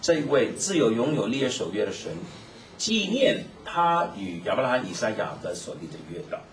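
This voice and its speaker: A man preaching a Bible teaching sermon, explaining in a lively way and mixing in English terms. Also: medium pitch, fairly quick. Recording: echoey, distant mic, noisy room.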